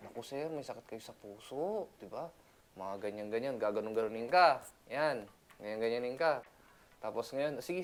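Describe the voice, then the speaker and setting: A man's voice: fairly low pitch, darkish tone. A man from the Philippines, a seaman, talking casually in a chatty vlog, laughing often and mixing in English. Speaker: seaman vlogger.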